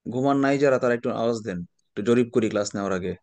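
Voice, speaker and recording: A man's voice: medium pitch, quick pace, darkish tone, dry recording. A middle-aged man with a Bangladeshi Bengali accent, teaching an online exam prep class in a chatty way, telling anecdotes and sprinkling in English words.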